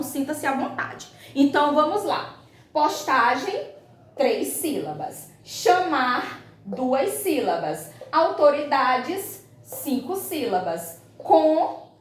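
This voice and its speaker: A high-voiced woman leads a lesson for young schoolchildren, slowing down to sound out each word clearly. Her manner is patient, and she keeps checking that the class is following along. The room around her is echoey. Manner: patient, slow and clear, ends phrases with "tá bom?". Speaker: primary school teacher. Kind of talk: recorded remote class lesson.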